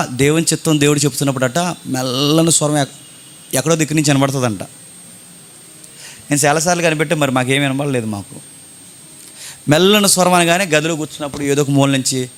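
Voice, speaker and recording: A man's voice: on the high side, fairly bright tone. A middle-aged male preacher delivering a sermon, firing off rhetorical questions with sarcastic, mocking asides. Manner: emphatic, rapid rhetorical questions.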